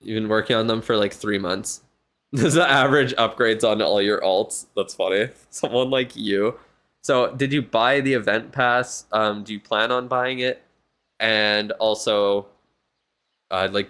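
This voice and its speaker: A man's voice: fairly low pitch, moderate pace, a bit bright. A tired man streaming live, giving casual, rambling commentary on a viewer's game account and thinking aloud with lots of fillers. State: yawning, tired.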